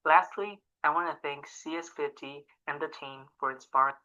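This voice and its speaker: A man's voice: on the high side, moderate pace, muffled recording. A teenage boy from Taiwan narrating a recorded demo of his school project in a scripted way. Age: teens. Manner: scripted, even, reading through steps. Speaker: student presenting a project.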